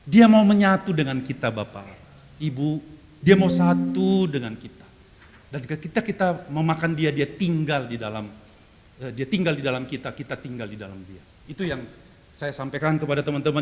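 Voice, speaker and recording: A man preaching a testimony sermon, telling his story in an animated way with repeated phrases and frequent laughs. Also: a little high, a little fast. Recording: long hall reverb.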